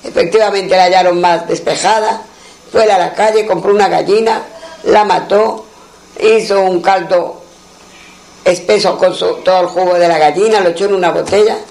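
Creaky high-voiced man telling a folk tale. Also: steady tone, normal speed, a little mellow, low-quality recording. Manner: homely, repetitive, voices the characters' lines in turn. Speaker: storyteller.

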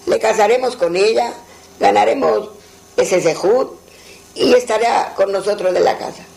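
A man voicing a kindly wealthy old butcher who speaks tenderly as a father, with a gravelly voice. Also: sits high, animated, moderate pace, a little mellow, poor audio.

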